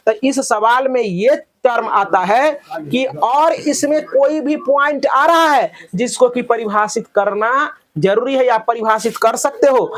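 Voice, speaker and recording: A middle-aged man teaches math to a room full of children. His voice sits high and carries, and he keeps asking questions so the class answers back in chorus. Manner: loud call-and-response questioning of pupils. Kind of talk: classroom lecture.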